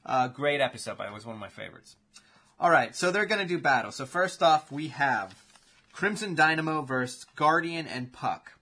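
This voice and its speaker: Man, bright forceful voice, casual chat host, animated play-by-play, casual swearing. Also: mid-range voice, brisk, slightly rough.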